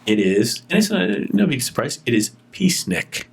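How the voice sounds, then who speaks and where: A man's voice: fairly high pitch, very animated, moderate pace, creaky, breathy edge. A man hosting a casual chat show, talkative and playful about words, calling himself a nerd. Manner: chatty, self-described word nerd with playful asides. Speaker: talk show host.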